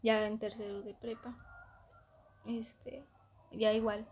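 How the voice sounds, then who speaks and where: A young woman with a Mexican Spanish accent, casually telling a story to a friend, animated, laughing often and acting out the voices of the people in it. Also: on the high side, takes it slowly, a little hiss or hum.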